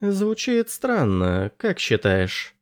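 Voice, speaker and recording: A man's voice: on the high side, huge pitch swings, takes it slowly, pitched above the performer's own voice, heavily acted. A man voicing an awkward, oddly unbothered male soldier leader in an audiobook, speaking in a hesitant, mildly apologetic way. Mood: chatty.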